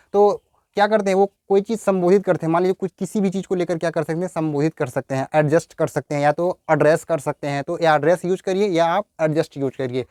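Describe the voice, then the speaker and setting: A man teaching English grammar to Hindi-speaking students, with a smooth, clear voice pitched a little high. He keeps asking rhetorical questions and repeats each word several times. The recording is dry and close. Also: darkish tone, no echo. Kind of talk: Hindi-language grammar lesson.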